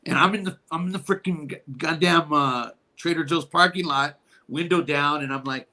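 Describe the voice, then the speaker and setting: Dude on a podcast, laughs a lot, swears, tells stories all animated. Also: male voice, fairly high pitch, moderate pace. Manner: laughs often, swears casually, animated storyteller. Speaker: podcast co-host. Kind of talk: casual chat.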